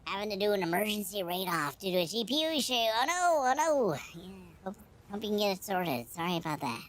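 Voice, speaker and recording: A male streamer chatting casually through a high-pitched chipmunk voice filter, rambling with many fillers. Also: very animated, a little fast, a bit bright. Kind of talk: casual live-stream chat.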